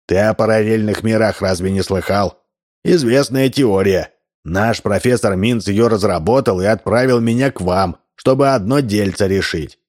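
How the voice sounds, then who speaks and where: A man's voice: fairly low pitch, moderate pace, a little mellow, lightly acted. Narrator voicing a plain stubborn guy, blunt and indignant, everyday tone. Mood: insistent.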